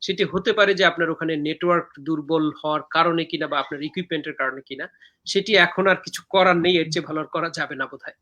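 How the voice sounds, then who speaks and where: A man hosting a live poetry talk over a video call, explaining verse meter in a measured way with frequent hesitant fillers. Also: on the high side, bright, forceful tone, dull audio. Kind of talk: explaining verse meter and reading viewer comments.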